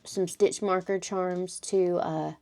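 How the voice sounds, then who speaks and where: A woman with a lowish, gravelly voice talks casually in her home craft studio vlog. She rambles in a chatty, easygoing way and drops the odd swear word. Her voice has a steady vocal fry under it. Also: takes it slowly. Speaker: crochet vlogger.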